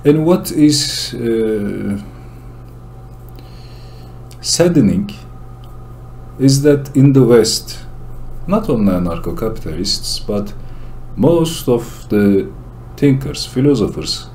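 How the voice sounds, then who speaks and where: A man from Turkey with a Turkish accent gives a solo commentary monologue in English, explaining his points earnestly and deliberately. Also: medium pitch, expressive, a little mellow, slight background noise. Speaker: channel host.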